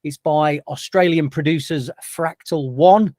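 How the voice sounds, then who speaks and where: A man's voice: a little high, a little slow, a little mellow, dry recording, clean studio sound. A man hosting a podcast in a chatty, jokey way. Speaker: podcast host. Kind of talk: casual podcast chat.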